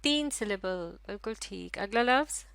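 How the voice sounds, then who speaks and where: A woman teacher with a Pakistani Urdu accent giving a recorded lesson to young pupils, drawing out each word slowly so they can repeat it. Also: medium pitch, lively intonation, creaky, a bit bright, dry recording. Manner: slow, drawn-out pronunciation of words for repetition.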